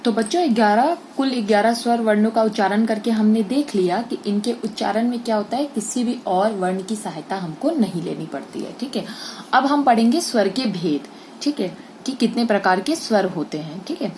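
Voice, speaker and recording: A woman's voice: medium pitch, lively intonation, moderate pace, a little mellow, slight background noise. A woman teaching a Hindi grammar lesson to children. She explains step by step, draws out vowel sounds to model them, and keeps checking in with her class.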